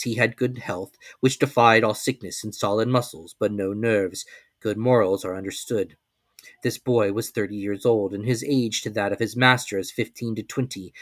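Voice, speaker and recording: A man with a fairly low voice gives a theatrical, formal dramatic reading as the narrator of an adventure novel. The recording is dry.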